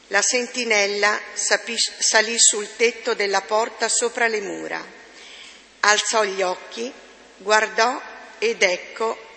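Female lector, measured scripture reading, gravelly, long reverb. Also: mid-range voice, sharp tone. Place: church.

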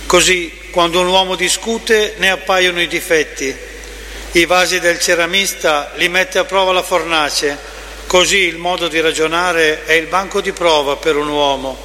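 High, bright male lector in church. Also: fairly even intonation, normal speed. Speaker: lector reading scripture at Mass. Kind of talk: formal scripture reading. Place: large church interior. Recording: reverberant church hall, faint noise.

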